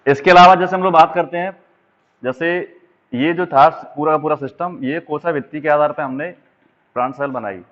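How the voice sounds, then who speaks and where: A man's voice: a little high, brisk, fairly bright tone. Man teaching over a tinny line. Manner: explaining while drawing diagrams, frequent check-ins. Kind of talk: exam-prep biology lesson. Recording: tinny phone-like sound.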